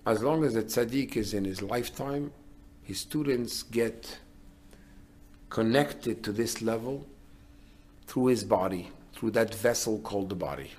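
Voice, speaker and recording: A man's voice: fairly low pitch, a little slow, a little mellow. A middle-aged man, a rabbi, giving a sermon in an earnest way, building to emphatic declarations.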